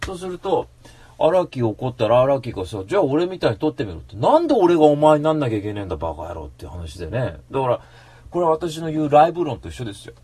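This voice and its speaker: Husky man, rapid chatter, lively swooping pitch, casual radio monologue, slangy mock-angry rants. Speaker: radio show host.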